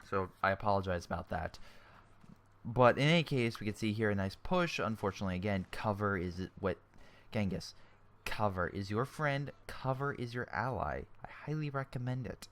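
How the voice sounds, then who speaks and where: Speaking on the low side with a fairly bright tone, a young man with a sore throat gives chatty commentary on a strategy game replay. He keeps fixing his sentences partway through and airs blunt views.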